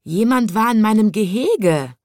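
A woman's voice: medium pitch, lively intonation, measured pace, darkish tone, dry recording, studio quality, pitched above the performer's own voice, natural voice. A woman voicing a complaining male jackal in a children's storybook reading, in a raised, aggrieved voice.

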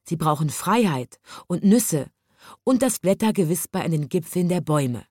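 A woman doing a gentle little stationmaster. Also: on the low side, expressive, moderate pace, no echo, clean studio sound. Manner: quiet, kindly. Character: small, calm, gentle male stationmaster.

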